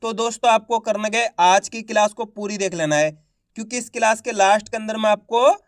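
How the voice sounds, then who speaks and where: A man's voice: high voice, dry recording, studio quality. A man teaching reading online, sounding out words syllable by syllable and repeating each one in an encouraging tone. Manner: encouraging, addresses viewers as friends.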